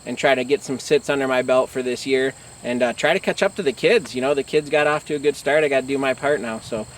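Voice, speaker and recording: A man's voice: medium pitch, quick pace, reverberant, recorded from a distance, a little hiss or hum. A middle-aged American man talking casually to camera as a hunting vlog host, conversational and matter-of-fact.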